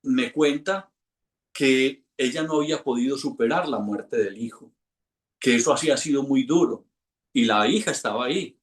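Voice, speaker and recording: A man, an instructor telling a lively anecdote to a class and acting out the voices in it. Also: mid-range voice, moderate pace, roomy sound. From Colombia. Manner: animated storyteller, acts out quoted voices. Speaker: hypnosis instructor.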